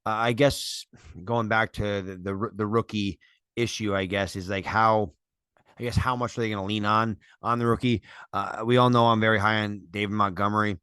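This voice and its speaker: A man co-hosting a sports podcast speaks in a low, smooth, resonant voice. The sound is dry and close. He gives earnest, measured analysis, peppered with fillers. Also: steady tone, sharp tone, dry recording. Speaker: podcast co-host. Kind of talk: casual sports talk.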